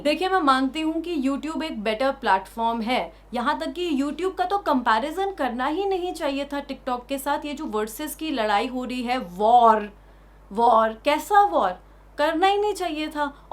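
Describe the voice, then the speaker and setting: A young woman giving an indignant opinion rant on her vlog, full of emphatic rhetorical questions. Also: high-pitched.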